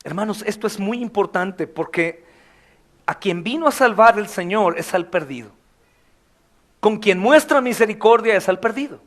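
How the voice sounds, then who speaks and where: A male pastor with a Mexican Spanish accent preaching a sermon, swinging from hushed to loud and acting out quoted voices and prayers. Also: sits high, animated, normal speed.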